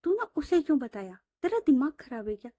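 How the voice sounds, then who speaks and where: Woman doing a snappy young boss lady, high voice, kinda dark tone, scolding. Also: brisk, no echo, clean studio sound, lightly acted. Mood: angry. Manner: scolding, indignant. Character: young woman boss, stubborn and quick-tempered.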